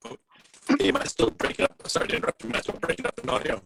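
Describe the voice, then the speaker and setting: A man in an online group call whose audio keeps breaking up and garbling, speaking in a halting way and repeating words. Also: medium pitch, wildly swooping pitch, fairly bright tone, a little hiss or hum. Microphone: computer mic over an online call.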